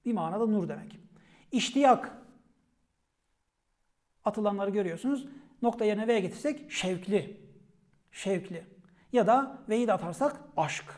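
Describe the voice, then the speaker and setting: High-voiced man teaching word roots. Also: lively intonation, unhurried, long pauses. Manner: calls out each word sharply, then explains it in a quieter, falling voice. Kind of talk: vocabulary lesson on Ottoman Turkish word roots.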